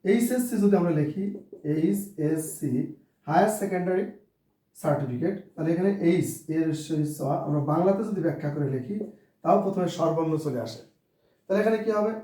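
A man teaches a beginners' English lesson in a slightly high, mellow voice. He spells words out letter by letter and asks questions that he answers himself. He is far from the microphone, in a strongly echoing room. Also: animated, a little fast. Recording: distant mic in a very echoey room.

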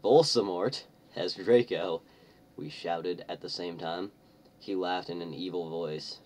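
A man's voice: low-pitched, flat delivery, a little slow, distant mic, a little hiss or hum. A man hosting a comic read-through of a fan-fiction story, joking and stumbling over the text with chuckling asides. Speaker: online reader, channel host. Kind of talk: comic dramatic reading.

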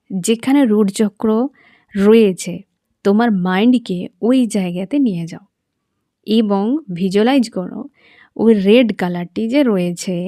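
A woman's voice: medium pitch, warm tone, no echo, clean studio sound. A woman teaching chakra meditation, explaining patiently and checking that listeners follow. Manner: patient, repeats and checks understanding. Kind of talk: guided meditation instruction.

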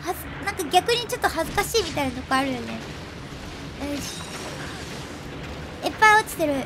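A woman's voice: very high voice, big pitch swings, fast. A woman live-streaming a game, chatty and laughing often, a bit nasal from a cold. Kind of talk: casual live-stream commentary. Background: game music.

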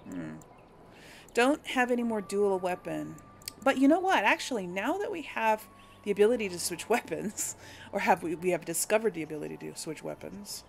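Over a faint hiss or hum, a lowish female voice thinks aloud for viewers during a role-play game she's hosting. The commentary is casual and musing, with frequent hesitant corrections.

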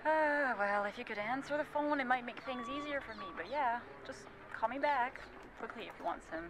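A woman's voice: fairly high pitch, animated, fairly quick, background noise, natural voice. A woman voicing a girlfriend who leaves a casual, mildly exasperated voicemail in a game.

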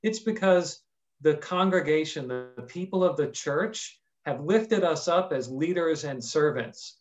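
A man's voice: a little high, expressive, a little slow, soft background music. A middle-aged man, a priest, plainly explaining things for children on a video call. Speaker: priest, interview guest. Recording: slightly dull video-call audio.

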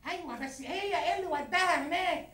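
A man's voice: extremely high pitch, quick pace, sharp tone. A man voicing a stubborn, nitpicking Egyptian mother on the phone, in a hidden camera prank. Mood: needling.

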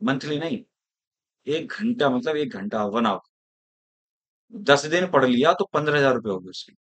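A man's voice: mid-range voice, lively intonation, moderate pace, fairly bright tone. A male teacher giving a classroom lecture, talking in a rhetorical way and often checking whether his students follow him.

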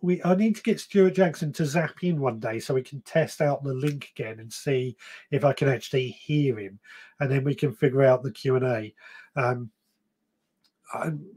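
This podcast host speaks at a normal speed, his medium-pitched voice a little mellow and slightly rough. A man in his thirties, he runs a gardening live stream from a small indoor shed or room, chatting in a rambling way, reading comments aloud, and often correcting himself.

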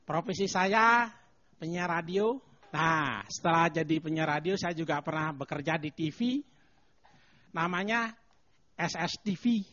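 An older man performing a stand-up comedy routine on a TV studio stage into a handheld mic, animated and chanting mock announcements. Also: a little high, measured pace. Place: TV studio stage with live audience. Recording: dull lo-fi TV broadcast.

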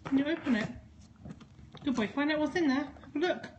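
A woman's voice: high voice, fairly quick, lo-fi sound, background noise. A woman chatting to her dogs in a sing-song, coaxing way as she unboxes a parcel at home. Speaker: dog owner filming an unboxing. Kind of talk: casual talk to her dogs while unboxing.

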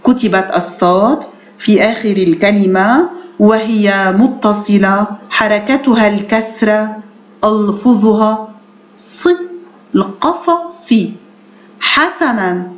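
A woman teacher giving a reading lesson to young children, from Lebanon, who enunciates slowly and carefully, stretches out example words and answers her own questions with short praise. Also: mid-range voice. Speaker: primary school Arabic teacher. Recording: echoey room, dull lo-fi sound.

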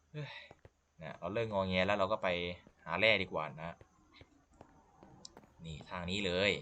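A man's voice: low-pitched, background noise. A man giving casual, profane, self-mocking commentary as he plays a game. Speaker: gameplay commentator. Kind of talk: casual let's-play commentary.

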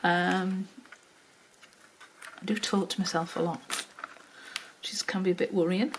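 This older woman, originally from Wales, speaks in a Wirral accent that mixes Welsh and Liverpool tones, and her voice is on the low side, fairly even, and measured. She chats through a craft demo at her home table, umming and talking to herself as she works, shown only by her hands from an overhead camera. The background is noisy.

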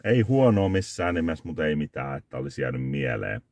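A very low-pitched man talks to a phone camera from inside a parked car. He rambles through a food review, correcting himself and giving scores out of five. The sound is dry and close. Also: big pitch swings, a little mellow, no echo. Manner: rambling, self-correcting, scoring dishes out of five. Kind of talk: casual review vlog. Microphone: phone camera on the dashboard.

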